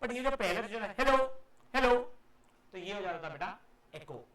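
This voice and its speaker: A man teaches a class in a high, sharp voice. He acts out every sound he explains and calls the students "beta." Heavy echo fills the classroom around him. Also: expressive, a little fast. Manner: scolds students loudly at times. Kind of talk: live classroom physics lecture. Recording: very echoey classroom.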